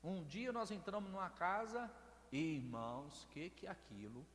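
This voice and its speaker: Animated high-voiced Mineiro pastor preaching. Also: male voice, unhurried. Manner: storytelling, addresses congregation as brothers. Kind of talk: evangelical sermon with testimony. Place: church service hall. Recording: long church-hall reverb.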